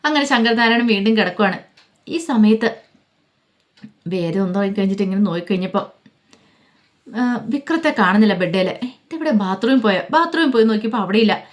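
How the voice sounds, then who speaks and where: A woman's voice: medium pitch, animated, a little fast, long pauses. A woman retelling a television serial's story in a conversational way, with fillers. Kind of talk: casual spoken story retelling.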